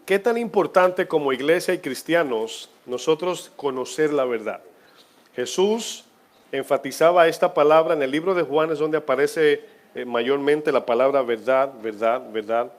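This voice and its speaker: A pastor preaches a sermon to his church in a slightly high voice, posing questions to the congregation. He moves between loud emphasis and quiet, drawn-out phrases.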